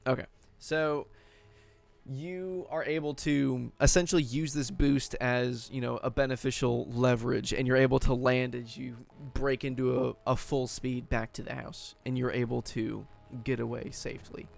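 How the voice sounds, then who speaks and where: A man's voice: mid-range voice, steady tone, normal speed, creaky. A man narrating a tabletop game as game master, loose and full of fillers.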